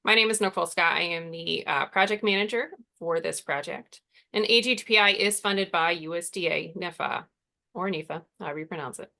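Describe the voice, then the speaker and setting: Woman, webinar host, gravelly fry, casual filler-heavy delivery, video call audio. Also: on the low side, a little fast. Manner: relaxed, with frequent fillers. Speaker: workshop host and project manager. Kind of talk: introducing a webinar session.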